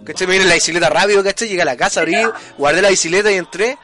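A man's voice: sits high, crowd noise. A young Chilean man telling stories in casual slangy podcast chat, acting out voices. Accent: Chilean Spanish. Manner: slangy, rapid storytelling, acts out voices. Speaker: podcast co-host.

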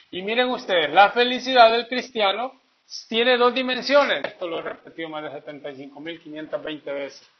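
Male preacher, high-pitched and chatty, on a muffled lo-fi recording. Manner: folksy, tells jokes, keeps asking "¿verdad?". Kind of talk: sermon. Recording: dull lo-fi recording.

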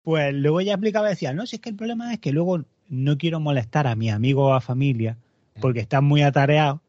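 A man's voice: a little high, quick pace, a little mellow, no room sound. A man in casual chat, telling a story with frequent laughter and acted-out quotes. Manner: laughs often, acts out quoted voices. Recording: dull, slightly muffled, dry audio.

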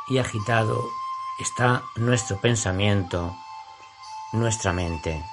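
A male yoga teacher with an accent from Spain leads a guided class. His voice is on the low side and his pace is very slow. He sounds soothing and deliberate, leaving space between short phrases.

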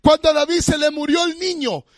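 A pastor, preaching a sermon with impassioned, often shouted, sung-out phrases. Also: male voice, extremely high pitch, steady tone, brisk, no room sound. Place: church.

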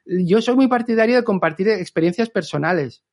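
High-voiced chatty man. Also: brisk. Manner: lively, chatty, acts out quotes. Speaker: communicator and trainer. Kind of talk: podcast storytelling talk.

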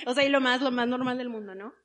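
A young Mexican woman with a fairly high voice tells a personal story in an interview. She is animated and acts out the voices of the people she quotes. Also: moderate pace. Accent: Mexican Spanish. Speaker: guest.

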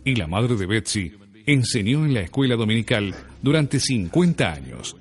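A man reading a self-help audiobook in a measured, deliberate way. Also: on the low side, big pitch swings, soft background music. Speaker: audiobook narrator. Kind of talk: scripted self-help narration. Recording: long reverb.

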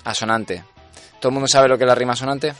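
A man's voice: mid-range voice, steady tone, fast, a bit bright, faint music behind. A man co-hosting an improvised comedy podcast, rambling in a mock-pedantic way and stalling with questions. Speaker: podcast co-host.

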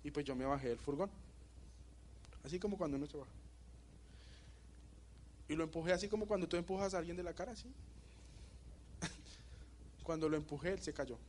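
A young man with a Bogotá Colombian Spanish accent, giving a motivational talk and telling a story with animated energy, often asking the audience questions. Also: fairly high pitch, normal speed, pauses often, slight background noise. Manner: animated storytelling, asks the audience questions, laughs at his own jokes. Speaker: motivational speaker.

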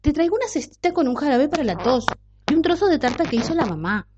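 A woman's voice: sits high, big pitch swings, fast talker, noisy background, voice pushed up. A woman voicing a sweet, eager little girl in a red cape for a storybook tale. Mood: innocent. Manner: bright, eager, childlike. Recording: dull lo-fi recording.

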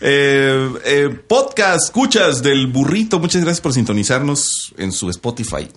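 A man's voice: medium pitch, a little slow. A young man from northern Mexico with a northern Mexican accent, a voice-over announcer co-hosting a podcast in casual, joking chat. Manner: relaxed, joking, laughs often.

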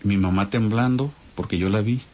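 With a fairly low voice at a moderate pace, a Mexican-accented man narrates a spooky episode from his own life as an informal ghost story. He keeps turning to the people listening, dropping in "¿no?" to check they're with him. Lo-fi sound with a little hiss or hum.

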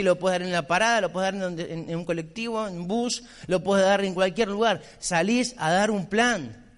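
A middle-aged man with a Rioplatense Argentine accent delivers a motivational business talk in a high voice. He is emphatic and insistent, hammering points through repetition. His voice carries a long reverb tail from a large convention hall. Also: fairly bright tone. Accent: Rioplatense Argentine Spanish. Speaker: motivational speaker.

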